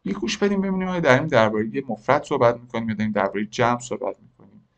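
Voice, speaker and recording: Man teaching French slowly, word by word. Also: mid-range voice, highs cut off. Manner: repeats French phrases slowly, word by word, then explains; addresses learners directly with questions. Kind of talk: language lesson.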